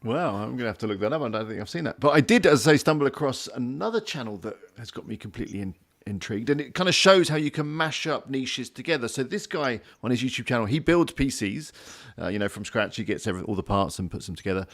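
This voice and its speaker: A man's voice: medium pitch, animated, fast talker, hardly any pauses, a bit bright. A man hosting a casual livestream group call in an easygoing, conversational way. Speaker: livestream host.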